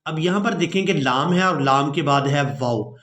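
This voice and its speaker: A man teaching Quran recitation, explaining each rule briskly and spelling out letters one by one. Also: a little high, a bit bright. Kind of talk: step-by-step recitation lesson. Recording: echoey room.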